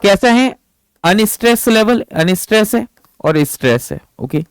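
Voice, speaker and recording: A man teaching English grammar in an exam-prep lecture with an Indian accent, reading English lines slowly and then explaining them in Hindi, often asking a question and answering it himself. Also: high-pitched, expressive, clean tone, dry recording, rough recording.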